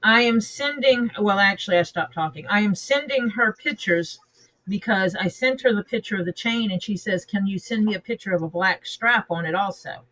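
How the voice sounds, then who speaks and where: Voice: mid-range voice, moderate pace, sharp tone, no room sound. A person chatting casually and joking, recorded on a built-in computer mic that sounds tinny and keeps cutting in and out. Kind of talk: casual chat. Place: home, at a table.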